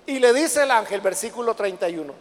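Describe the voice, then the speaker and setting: High-voiced preacher in a reverberant hall. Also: male voice, lively intonation. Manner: reads verses slowly and loudly, then explains conversationally; addresses the listeners as brothers. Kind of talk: Bible study sermon.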